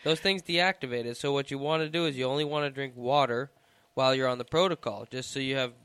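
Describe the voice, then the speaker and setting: A man co-hosting a casual health talk, explaining things in a measured, step-by-step way. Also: medium pitch, fairly bright tone, smooth, no room sound.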